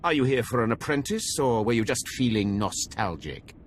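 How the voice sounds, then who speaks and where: A man with a medium-pitched, expressive, natural voice speaks at a normal speed over a faint hiss or hum. He plays a Sith academy overseer in a video game cutscene, a cruel and contemptuous master of slaves whose manner is sneering and scornful. The mood is sardonic.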